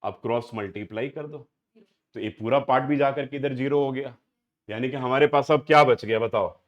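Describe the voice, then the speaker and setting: A man's voice: medium pitch, brisk, lo-fi sound. Indian man teaching math to a class. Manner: questioning students, mixing Hindi and English. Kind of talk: classroom lecture.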